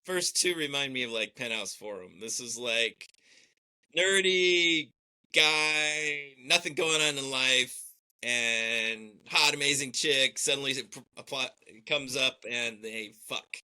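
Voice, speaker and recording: Man with very bright, sharp voice. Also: medium pitch, takes it slowly, clean tone. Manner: dry, wry asides, crude humor. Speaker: podcast co-host. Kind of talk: casual chat.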